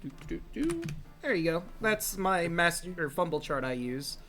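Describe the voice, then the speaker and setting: A man's voice: on the high side, sing-song, moderate pace, fairly bright tone, soft background music. A man running a tabletop game as game master, narrating the action and dice rolls in an easygoing way, often laughing.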